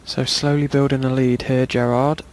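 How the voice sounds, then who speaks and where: Hushed, even-toned male snooker commentator. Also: medium pitch, normal speed, slight background noise.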